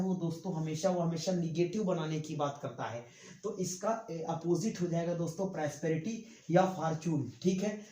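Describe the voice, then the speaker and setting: Writing on a board while he speaks, a male teacher runs an online exam-prep vocabulary lesson in English, repeating every word and addressing listeners as "friends" again and again. His slightly high voice has a warm tone, but the audio is poor and the room echoes.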